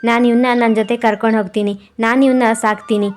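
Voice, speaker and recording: A woman voicing a greedy, scheming merchant in a cartoon, talking slyly and fast. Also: fairly high pitch, steady tone, soft background music, close to an everyday voice.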